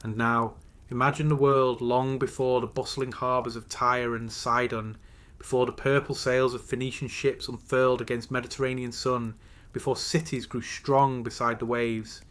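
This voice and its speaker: A man narrating a guided sleep story in a soothing, measured way, slowly and with pauses between phrases. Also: mid-range voice, flat delivery, fairly bright tone.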